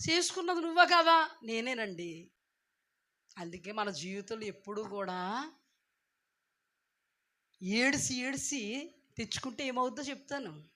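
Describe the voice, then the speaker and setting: Woman preacher, sermon, bright ringing voice, quiet to loud impassioned pleading. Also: medium pitch. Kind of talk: Telugu sermon retelling scripture with acted voices.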